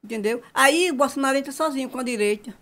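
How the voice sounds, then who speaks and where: A man's voice: very high voice, quick pace, pushed and bright. A man in casual, opinionated chat, repeating his phrases for emphasis.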